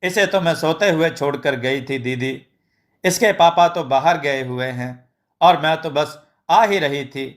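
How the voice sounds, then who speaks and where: A man's voice: a little high, unhurried, lightly acted. A man voicing a patient village mother who pleads and apologizes for her son. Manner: pleading and soothing.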